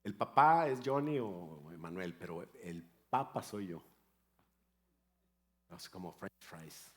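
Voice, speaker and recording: A man's voice: low voice, expressive, slow pace, a bit bright. An older man, a pastor, preaching a sermon in a storytelling way with playful asides about his grandchildren.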